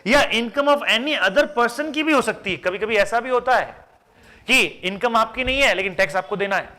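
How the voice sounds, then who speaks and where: A man teaches a tax class in a lively, chatty classroom lecture, mixing Hindi with English terms and answering his own rhetorical questions. His voice is extremely high-pitched, and he speaks at a moderate pace.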